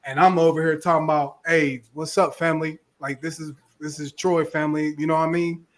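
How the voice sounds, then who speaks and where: Animated man chatting on a call. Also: on the high side, fast talker. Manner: animated, laughs often, repeats himself. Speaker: podcast co-host. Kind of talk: casual group chat on a video call.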